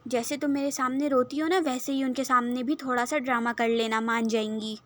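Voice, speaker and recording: A woman's voice: sits high, flat delivery, a bit bright, a little hiss or hum. A woman voicing a bossy young man who pushes and mocks. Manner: pushy, mocking.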